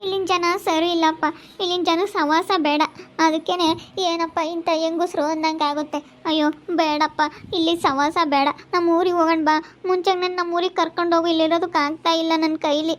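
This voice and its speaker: A woman's voice: extremely high pitch, level tone, moderate pace. Woman playing a weepy homesick young wife. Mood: tearful pleading. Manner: weepy, pleading. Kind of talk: village skit acting.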